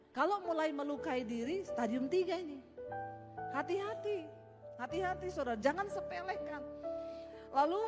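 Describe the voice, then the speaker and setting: High-voiced woman preacher telling her story. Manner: testimonial storytelling, addresses the congregation directly; shifts in pitch and pace, drawing out key phrases. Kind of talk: sermon.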